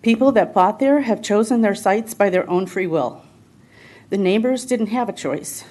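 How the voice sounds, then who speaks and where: A woman's voice: medium pitch, normal speed, a little mellow. Concerned woman resident, prepared public comment, earnest and pleading. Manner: earnest, pleading, reading from notes. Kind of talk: prepared statement at a council meeting. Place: city council chamber.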